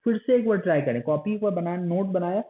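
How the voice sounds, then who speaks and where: A man's voice: high voice, brisk. Man lecturing over a tinny lo-fi line. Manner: coaxing, scolding students like a strict elder. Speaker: math teacher. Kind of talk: online lecture. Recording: phone-like lo-fi recording.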